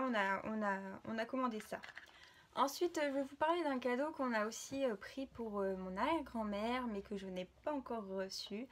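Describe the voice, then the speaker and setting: A young woman in a casual vlog, presenting gift ideas to her viewers in an informal, chatty way, often hesitating and restarting her sentences. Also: on the high side. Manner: hesitant, many filler sounds and restarts. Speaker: vlogger.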